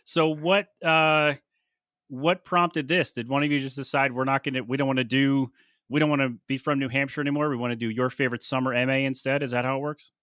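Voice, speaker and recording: A man's voice: medium pitch, steady tone, brisk, a bit bright, clean tone, dry recording, clean studio sound. A man hosting a podcast interview, casual and teasing, laughing often. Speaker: podcast host.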